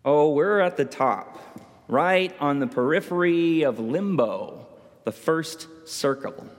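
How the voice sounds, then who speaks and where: A man preaching voices a hooded male stranger who calmly explains the underworld, with a long hall reverb. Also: a little high, slow pace. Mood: explaining. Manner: calm, explanatory. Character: hooded male stranger guiding through hell.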